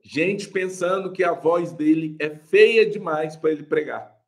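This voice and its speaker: Teaching preaching in a live online class, a young man with a Brazilian Portuguese accent chats animatedly and laughs often. He keeps a measured pace, his pitch fairly high, and calls the audience "gente".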